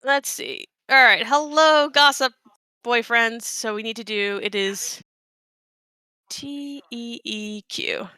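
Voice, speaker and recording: A woman's voice: a little high, takes it slowly, bright, forceful tone, clean tone, no room sound, studio quality. A woman giving casual, chatty live commentary on her own game run, with playful asides.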